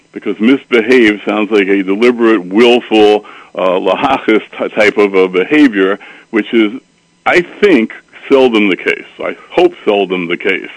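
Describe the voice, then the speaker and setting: A man's voice: fairly low pitch, no room sound, poor audio. A man who works as a parenting author and counselor, explaining his ideas in an interview in a thoughtful way and using Hebrew and Yiddish terms.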